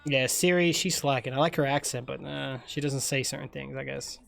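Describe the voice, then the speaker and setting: A man chatting casually with friends while gaming, relaxed and joking, full of slang. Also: mid-range voice, brisk, gravelly. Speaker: streamer and player. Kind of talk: casual gaming banter on voice chat.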